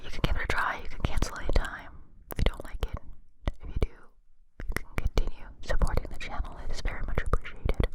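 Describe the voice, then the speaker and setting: Barely audible, breathy ASMR whisper, very close. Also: quick pace. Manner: close cupped whispering with mouth sounds. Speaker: ASMR video creator. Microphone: close to the mic, cupped.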